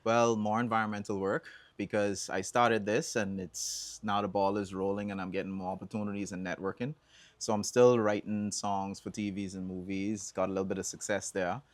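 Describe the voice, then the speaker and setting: A Bahamian man telling stories as an interview guest, relaxed and chatty, with bursts of excited whoops. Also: fairly low pitch, moderate pace, no room sound. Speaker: songwriter and environmental advocate guest. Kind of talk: casual interview answers.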